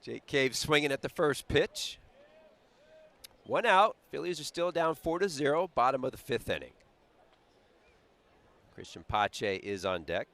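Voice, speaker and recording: A man doing play-by-play for a baseball broadcast, chatty and animated, mixing calls with lively stories. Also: mid-range voice, measured pace, pauses often. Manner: chatty, animated storyteller with a laugh. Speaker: play-by-play announcer.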